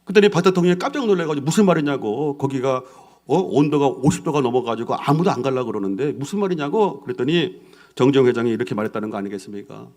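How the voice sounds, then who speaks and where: Animated male pastor preaching. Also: medium pitch, quick pace. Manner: animated, acts out quoted voices. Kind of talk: sermon.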